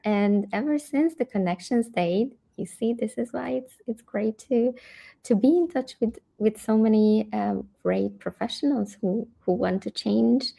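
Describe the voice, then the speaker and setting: A woman's voice: medium pitch, creaky, mellow. A woman from Hungary, a career coach chatting animatedly in an interview with frequent restarts. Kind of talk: casual interview chat.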